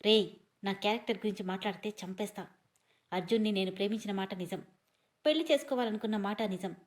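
A woman's voice: medium pitch, fast talker, natural voice. Storybook: a female narrator playing a spoiled, short-fused young woman, snappish. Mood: angry. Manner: snappish and sulky.

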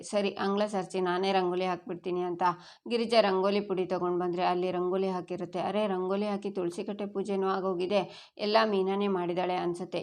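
A woman's voice: medium pitch, a little mellow. A woman, retelling a TV serial episode and reading every character's lines in her own plain voice. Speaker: narrator.

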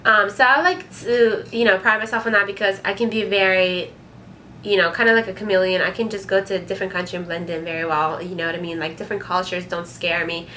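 A woman's voice: mid-range voice, fairly even intonation, fast talker, pushed and bright, a little hiss or hum. A young woman from Ukraine, answering viewer questions in a casual vlog from her bedroom, frank and chatty with lots of fillers and some swearing. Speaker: vlogger. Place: small bedroom, indoors.

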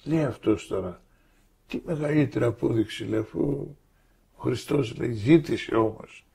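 An older man with a medium-pitched, gravelly, slightly mellow voice and a breathy edge gives a faith testimony. He tells his story energetically, acting out quoted dialogue by shifting voices for the people in it.

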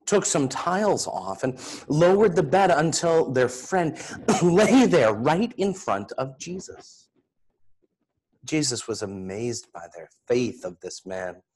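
In a low-quality recording, a middle-aged priest sits at a desk in a small room and reads aloud from a children's Bible story. His voice is mid-range, and his delivery is deliberate and expressive.

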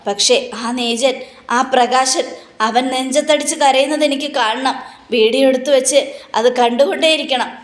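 A woman's voice: high-pitched, fairly even intonation, moderate pace, natural voice. A woman voicing a bitter, vengeful mother who talks grimly of revenge. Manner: grim, spiteful talk of revenge. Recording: echoey room.

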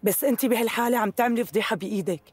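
A woman's voice: fairly high pitch, rapid-fire, slightly rough, dry recording, faint music behind. A woman dubbing a wary young woman who keeps questioning her friend's plan. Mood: doubtful. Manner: doubtful, asks worried questions. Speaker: dubbing actress.

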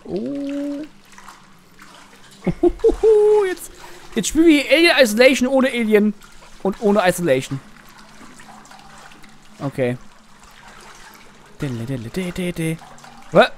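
A man giving casual gameplay commentary as a let's play gamer, excitable and swearing at the game. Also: high voice, unhurried, pauses often. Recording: noisy game sound behind. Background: game gunfire and noise.

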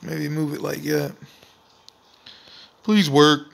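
A man's voice: a little high, steady tone, slow, vocal fry. A young man doing casual let's play commentary in a slangy, swearing frat-bro manner, given to exclaiming. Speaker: gaming video host.

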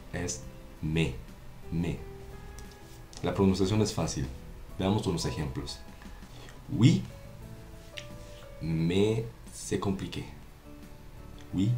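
Deep-voiced man teaching French, roomy echo. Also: darkish tone. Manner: explains with repeated examples and checks "¿entiendes?". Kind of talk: casual online language lesson. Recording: roomy echo with faint music.

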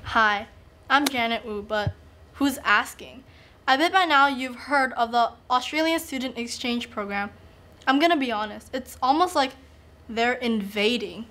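A teenage girl hosting a rant segment on a school show, deadpan and sarcastic. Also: a little high, a little slow, faint music behind. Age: teens. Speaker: student segment host.

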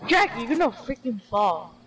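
A woman's voice: fairly high pitch, sing-song, moderate pace, a bit bright, low-quality recording. A woman on voice chat with a fellow player, laid-back, swearing and laughing at the game. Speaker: teammate on voice chat. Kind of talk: casual gameplay chatter.

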